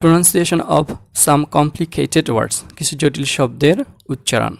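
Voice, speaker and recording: A man teaching English pronunciation, saying example words slowly and repeating them. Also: fairly high pitch, creaky, no echo, studio quality. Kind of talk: slow, deliberate language lesson.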